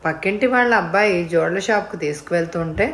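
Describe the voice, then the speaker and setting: A woman narrating a serialized novel in a calm, even storytelling voice. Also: fairly low pitch, fast talker. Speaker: audiobook reader.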